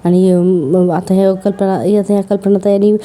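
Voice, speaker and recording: A woman's voice: medium pitch, flat delivery, moderate pace, mellow. A woman narrating a serial episode recap in a chatty storytelling way, with asides to her listeners.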